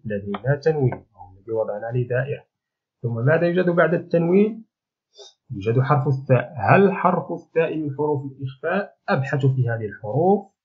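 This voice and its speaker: Husky male teacher on tinny audio. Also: mid-range voice. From Morocco. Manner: patient, step-by-step explaining with frequent pauses and fillers. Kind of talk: recorded remote lesson.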